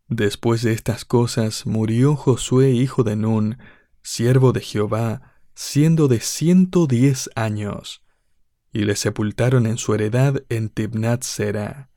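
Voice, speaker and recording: A man delivering a sermon in a warm, mellow voice. He speaks in a measured, deliberate way and leans on rhetorical questions for emphasis. The recording is dry and close, with no room sound. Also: mid-range voice, no room sound. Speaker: preacher.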